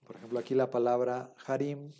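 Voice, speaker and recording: A man's voice: mid-range voice, level tone, fairly quick, mellow. A man teaching an online class, explaining patiently step by step and often checking that students follow.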